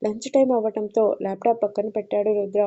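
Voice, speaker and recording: Female narrator for an audio story, monotone, dark, muffled sound. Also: medium pitch, fast.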